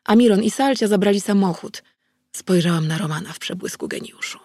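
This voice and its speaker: A woman narrating a novel in the first person at a steady, measured pace. Her voice has a gravelly grain. The recording is close and dry, without room echo. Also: mid-range voice. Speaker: audiobook narrator.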